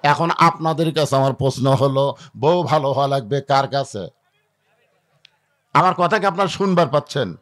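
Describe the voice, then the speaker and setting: A man's voice: mid-range voice, moderate pace, long pauses, a bit bright. A man, preaching a waz sermon to a crowd, acting out dialogues and calling for the crowd to answer. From Bangladesh. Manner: dramatic storytelling, acting out dialogues, calling for audience responses.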